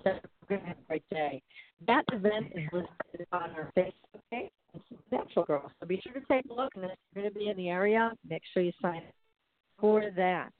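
A woman's voice: medium pitch, a little fast, crowd noise. A woman hosting a radio show, making announcements in an informal, effusive, conversational way. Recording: dry, narrow phone-like sound.

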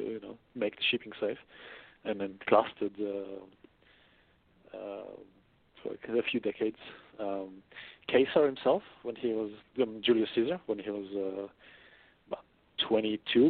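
A man with a low, gravelly voice explains his ideas with thought and frequent pauses. He sounds like a guest author in a casual interview. The recording is tinny and phone-like. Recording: dry, phone-like line.

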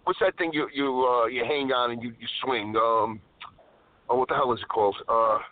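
A man with a mid-range voice, speaking at normal speed, rings in to a live show from his car's speakerphone as he drives. He rambles through stories, often breaking off mid-sentence to fix himself, over a thin, dry phone connection.

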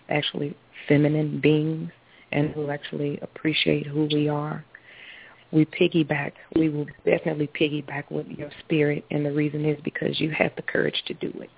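A woman's voice: deep voice, completely flat delivery, normal speed, vocal fry, slightly rough. A woman calling in to a radio show over a phone line, emphatic and repetitive, stacking up praise and agreement. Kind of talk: casual call-in chat.

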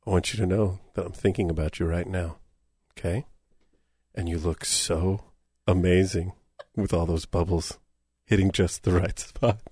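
A man putting on a creepy low sultry voice. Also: steady tone, moderate pace, long pauses, mellow, no echo, studio quality. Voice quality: low, breathy, lustful crooning.

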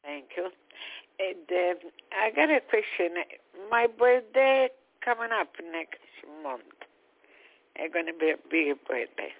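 Sex: woman. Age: middle-aged. Role: radio show caller heard over a phone line. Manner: halting, simple phrasing. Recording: thin, distant telephone sound. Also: on the low side, animated.

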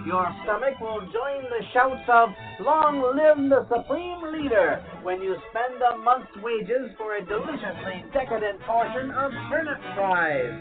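A man's voice: extremely high pitch, animated, measured pace, hardly any pauses. A man reading a mock propaganda commercial in a bombastic announcer manner. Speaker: comedy ad announcer. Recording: tinny phone-like audio with music.

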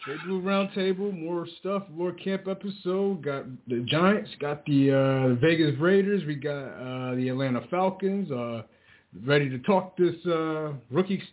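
A man co-hosting casual sports talk, loosely and haltingly working his way toward questions. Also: on the high side. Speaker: sports show co-host. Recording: tinny phone-like line.

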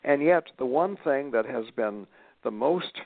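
A man's voice: medium pitch, animated, unhurried, gravelly, no room sound. A man in his seventies, a guest author talking in an interview, emphatic, with many fillers and restarts. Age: 70s. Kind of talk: casual interview talk. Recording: tinny phone line.

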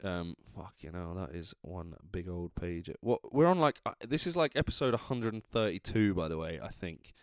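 Male podcaster, English accent, drunk and rambling, lowish smooth voice, casual solo chat. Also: lively intonation, normal speed, hardly any pauses, no echo, clean studio sound. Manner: rambling, trailing off, self-interrupting. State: drunk, tipsy. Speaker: podcast host.

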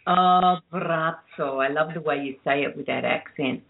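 A woman guest telling a heartfelt story in a soft-spoken, earnest way, dwelling on her words. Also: a bass voice, fairly even intonation, fairly quick, creaky. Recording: tinny phone-line sound.

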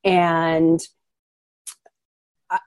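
A woman originally from Ukraine speaks as a podcast guest, earnest and reflective, pausing often. Her voice sits low for a woman. The sound is dry and close, with no room echo. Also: monotone, darkish tone. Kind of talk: conversational interview.

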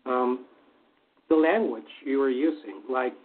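A man's voice: medium pitch, a little slow. A man, a former stage hypnotist turned hypnotherapist, answering interview questions with many fillers and restarts. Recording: tinny phone-like line.

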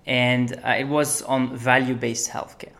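A man's voice: mid-range voice, a little slow, vocal fry. A young man from Belgium, a consultant being interviewed, who talks casually with many ums and uhs. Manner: relaxed, with frequent ums and uhs. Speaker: guest, management consultant.

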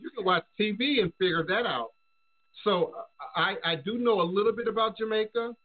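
Higher-pitched American male host, halting delivery. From United States. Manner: halting, repeats words as he reasons. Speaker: show host. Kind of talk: casual discussion. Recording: dull, lo-fi call audio.

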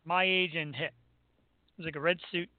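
An American man with a high voice hosts a casual talk show. He rambles along with playful bragging. The recording is dry and somewhat muffled. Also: steady tone, normal speed, dry recording. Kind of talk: casual chat.

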